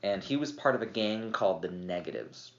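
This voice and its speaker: Man, low voice, rambling casual chat, lots of ums, slightly tipsy, roomy dull recording. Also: animated, brisk. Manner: rambling, filler-heavy, laughs often. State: a little tipsy. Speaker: podcast guest, game master. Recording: roomy, dull lo-fi podcast audio.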